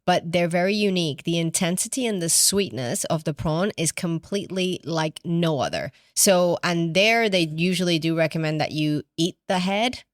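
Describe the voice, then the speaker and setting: A woman's voice: lowish voice, normal speed, hardly any pauses, no room sound, clean studio sound. A woman co-hosting a podcast in casual travel chat, chatty and laughing often, trailing off mid-sentence. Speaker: podcast co-host.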